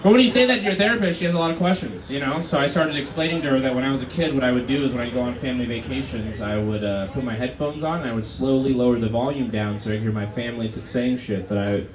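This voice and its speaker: Rattling off his set fast and with hardly any pauses, a medium-voiced Brazilian-born comic in his thirties tells profane, wry tales and jabs back at the live crowd. A distant mic picks up the club's roomy sound and bursts of laughter.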